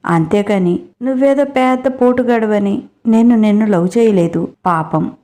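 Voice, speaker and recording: A woman's voice: mid-range voice, moderate pace, warm tone, close to an everyday voice. A woman doing a drunk, jeering young woman. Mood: mocking. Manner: taunting, jeering.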